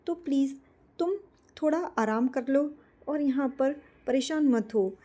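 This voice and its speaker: A woman voicing a tender young woman, a grieving older sister who speaks softly and caringly. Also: high-pitched.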